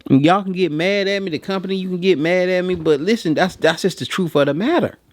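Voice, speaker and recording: An American man hosts a video reviewing print equipment, offering blunt, colloquial, unscripted opinions and repeating phrases for emphasis. His voice sits high and moves briskly, recorded dry.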